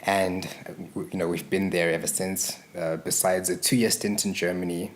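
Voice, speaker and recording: A young man from Zimbabwe speaks as a podcast guest with a very deep, low voice. He talks candidly and frankly in a relaxed conversational way. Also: moderate pace. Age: young adult. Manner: candid, frank, with fillers and asides.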